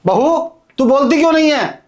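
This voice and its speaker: A man's voice: very high-pitched, expressive, normal speed. A man playing a suspicious, prying blind elderly father-in-law who keeps calling out and questioning insistently, in an amateur drama skit. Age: older. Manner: calls out repeatedly, insistent questioning.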